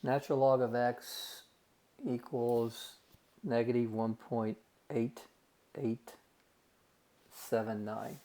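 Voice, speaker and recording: A man's warm, mid-range voice comes across flat and slow, with long pauses, as he teaches a recorded math lesson. He handles the calculations step by step, folksy in manner, and refers to his students as "guys" and "gang."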